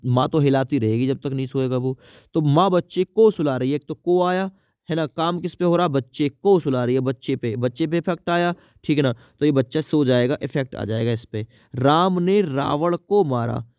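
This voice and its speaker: Man teaching exam grammar, slightly high voice. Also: a little mellow, no room sound. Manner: repetitive questioning, answers his own questions; reads example sentences slowly. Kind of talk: exam-prep grammar lesson.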